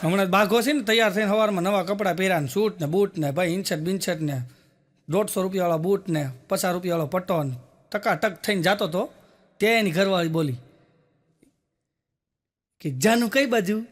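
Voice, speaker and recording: A man's voice: sits high, fairly quick, long pauses. A young man telling stand-up jokes, acting out the voices of the people in his stories. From Gujarat, India. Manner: lively storytelling, acts out quoted voices. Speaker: stand-up comedian.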